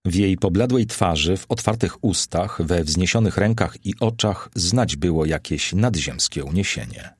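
A man narrating a classic novel as an audiobook, measured and solemn. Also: sits low, lively intonation, slightly rough, dry recording, studio quality.

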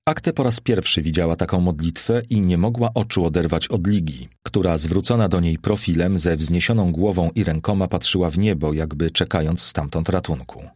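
Deep husky male audiobook narrator. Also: fairly quick, hardly any pauses, darkish tone, no room sound, clean studio sound. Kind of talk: scripted narration of a classic novel.

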